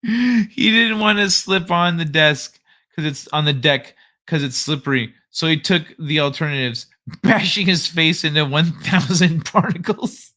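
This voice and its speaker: A livestream host chats loosely with his viewers, joking, laughing often, and dropping quick asides. His voice is a little high, pushed, and bright.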